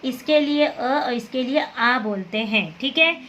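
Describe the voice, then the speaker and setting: A woman's voice: high voice, unhurried, a bit bright, dull audio, a little hiss or hum. A woman teaching Hindi letters, patiently repeating words and checking understanding as she goes. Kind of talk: slow classroom explanation.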